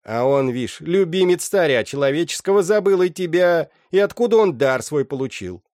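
A man's voice: medium pitch, sing-song, normal speed, darkish tone, no echo, studio quality, voice pushed up, close to an everyday voice. A man voicing a scheming old mother witch who scolds and mocks, in an audiobook. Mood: scornful. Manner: scolding, mocking. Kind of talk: audiobook character voice.

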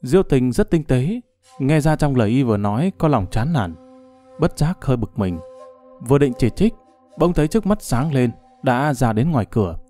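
A man narrating a martial-arts novel as an audiobook, in a steady, even storytelling manner. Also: medium pitch, normal speed, soft background music.

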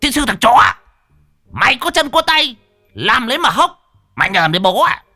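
A man voicing a loud, crude, boastful old male driver. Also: very high voice, big pitch swings, normal speed, soft background music, voice pushed up, heavily acted. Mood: abusive. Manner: shouting, abusive, boastful.

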